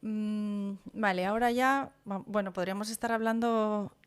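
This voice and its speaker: Woman interviewer, crisp clear voice, hesitant friendly questions. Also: medium pitch, steady tone, normal speed. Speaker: interviewer, host. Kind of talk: casual interview conversation.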